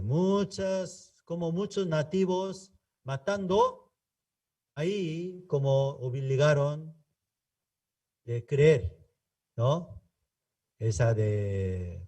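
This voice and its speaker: Slow, deep-toned pastor speaking Spanish. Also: male voice, dark tone, distant mic. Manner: halting, repetitive non-native Spanish with frequent tag questions. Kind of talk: Bible seminar teaching.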